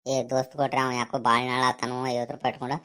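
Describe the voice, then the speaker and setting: A woman's voice: very deep voice, flat delivery, rapid-fire, a bit bright. Woman playing a pushy, wheedling village guy. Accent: North Karnataka Kannada. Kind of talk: comic village skit.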